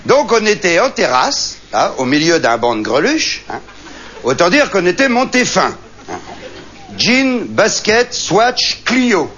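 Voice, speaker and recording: A stand-up comedian plays a boastful, chatty hunting-and-fishing bragger in a colloquial comic monologue before a live audience. His high voice is very animated yet slow, with slight background noise. The live recording sounds dull, the audience is loud, and laughter comes through.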